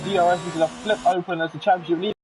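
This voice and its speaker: Excitable race commentator. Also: male voice, sits high, racing, poor audio. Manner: excitable, chatty with jokey asides. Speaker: sim racing league commentator. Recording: game engine noise under the voice. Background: racing car engine sounds from the game.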